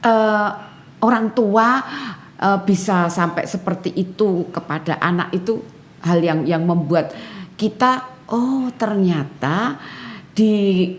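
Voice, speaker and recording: A woman's voice: mid-range voice, slow. A woman hosting a podcast interview, asking questions and murmuring her agreement as she listens. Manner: attentive, frequent murmured agreement. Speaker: podcast host.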